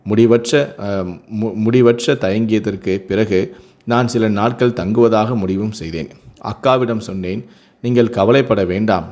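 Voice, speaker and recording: A man's voice: on the low side, a little mellow. A man narrating a scripted first-person family story, reading steadily with occasional self-corrections.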